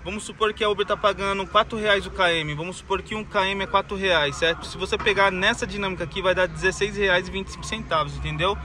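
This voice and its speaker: Talking quickly with few pauses, this man has a high-pitched voice and fairly even intonation. He's a rideshare driver chatting slangily to viewers he calls family and guys, vlogging from in and around his car in the city. Street and traffic noise fill the noisy car recording.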